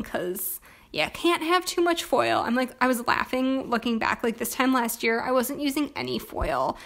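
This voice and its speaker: A young woman in casual chat about her planner, hoarse from losing her voice, talking in a chatty way with lots of filler words. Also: fairly high pitch, pushed and bright. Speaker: planner vlogger.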